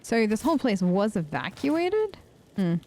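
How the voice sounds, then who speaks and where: A woman hosting a let's play, giving chatty, excitable commentary while she plays and yelping when startled. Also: medium pitch, a little slow, slight background noise. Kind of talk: gameplay commentary. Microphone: headphones with mic.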